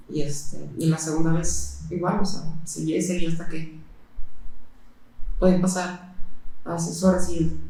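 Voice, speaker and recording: A woman recounts her experiences in an interview, speaking in a flat, even tone. She talks haltingly, filling her pauses with hesitations. The recording is heavily echoey. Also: sits low, vocal fry. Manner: halting, with frequent fillers and pauses. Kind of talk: personal testimony in interview. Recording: very echoey room.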